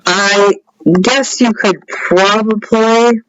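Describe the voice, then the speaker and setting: Man, high voice, unhurried delivery, rambling game-mod walkthrough with offhand asides, dull lo-fi audio. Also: fairly even intonation, fairly bright tone, a little hiss or hum. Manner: rambling, offhand asides, talks to viewers directly. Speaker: game mod creator showcasing his mod. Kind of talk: casual gameplay commentary. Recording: dull lo-fi recording.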